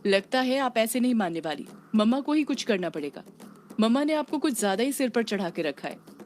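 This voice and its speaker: A woman's voice: mid-range voice, normal speed, slight background noise, natural voice. A woman voicing a mother of a young girl, affectionate with her daughter but firm when ignored. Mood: firm, annoyed.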